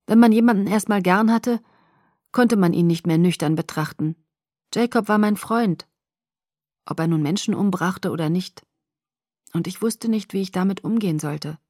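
A woman narrating a novel in the first person with a soft, intimate, measured reading. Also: medium pitch, no echo, clean studio sound. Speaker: audiobook narrator.

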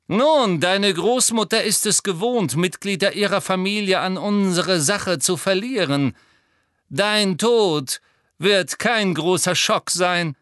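A drawling, mocking dark wizard of noble airs, as a man puts him on in an audiobook. The voice sits higher than a plain speaking voice and has a bright, cutting edge. Every word drips with contempt, and the recording is dry and close. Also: lively intonation, slow, no echo, heavily acted. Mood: drawling sneer. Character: sneering aristocratic male dark wizard. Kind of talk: audiobook character voice.

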